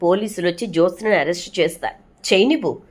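Stern middle-aged father, cold resolve, firm and measured, read by a woman narrator. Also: fairly low pitch, expressive.

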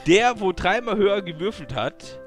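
A man hosting a casual, excited gaming chat over voice chat. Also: high-pitched, normal speed. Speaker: host. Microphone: voice chat over a game. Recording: music behind the voice.

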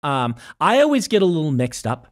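This man's pitch is fairly high and swings widely, and he talks a little fast. In his forties, he co-hosts a podcast with a rambling, playful style, fixing his own words mid-thought. He is on a boom-mounted studio microphone on a small indoor studio set.

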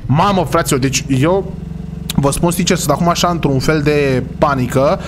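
Excitable high-voiced man gaming. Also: noisy background. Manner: excitable, slangy, often yells exclamations. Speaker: YouTuber playing a role-play game. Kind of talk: animated let's-play commentary with role-play.

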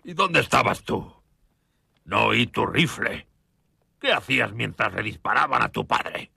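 An actor in a dubbed film playing a wounded, vengeful frontier father who barks harsh orders at his sons, with a husky, gravelly voice. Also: fairly low pitch, animated, a little slow, pushed and bright, no room sound, studio quality, exaggerated voice. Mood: scolding.

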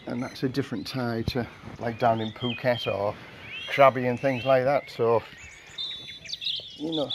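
Speaking a little slowly in a mid-range, monotone voice, an older English vlogger washes his car at a house's outdoor carport and chats in a rambling, storytelling way. The camera mic, a few meters off, records a noisy background of birdsong and rural outdoor sounds.

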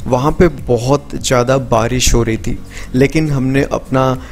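A young man narrating his travel vlog in a casual, explanatory way, often pausing with hesitation fillers. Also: mid-range voice, fairly even intonation, a little mellow. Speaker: travel vlogger.

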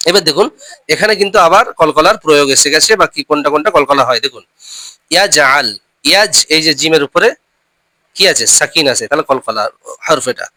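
A male teacher walks his students through recitation rules step by step, spelling out letters and syllables slowly before repeating them. His voice is bright and a little high. The recording is dry and close, with no room sound around him. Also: dry recording, rough recording. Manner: reminds listeners often to remember the rules.

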